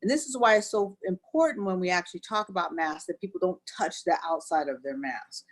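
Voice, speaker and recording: A woman's voice: on the low side, fairly quick. A woman doctor giving an educational webinar talk, explaining step by step and often saying "actually".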